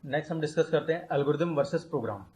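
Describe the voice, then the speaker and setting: Man slowly explaining computer science. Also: a little high, a little mellow, slight background noise, poor audio. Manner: explains step by step, mixing English terms into Hindi, slows down to dictate definitions. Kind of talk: explaining a lecture.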